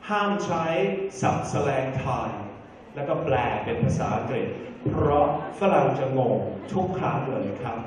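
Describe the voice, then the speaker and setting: A man giving a lively, jokey stage talk to an audience, mixing in English phrases. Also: a little high. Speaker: guest speaker giving tips. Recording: echoey hall from far off.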